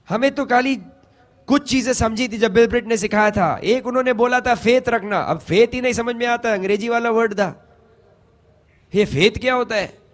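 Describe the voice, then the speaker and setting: A middle-aged man with a notably high voice addresses an audience. He drives his points home with emphasis and repetition, in the manner of a motivational speaker. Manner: emphatic, repeats key phrases. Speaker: speaker sharing a success story. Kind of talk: motivational stage talk.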